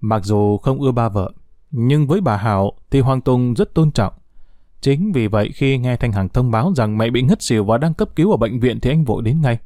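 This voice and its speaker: A man narrating a dramatic family story with a brisk reading manner. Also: medium pitch, mellow, no echo, clean studio sound.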